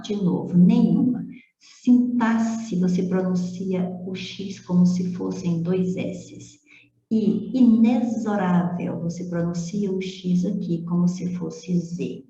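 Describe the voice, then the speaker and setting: A woman language teacher talks slowly and methodically, with a very dark, mellow tone. She steps through each exercise and checks in with short questions. The recording sounds dull and a little roomy. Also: medium pitch. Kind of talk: explaining phonetics exercises.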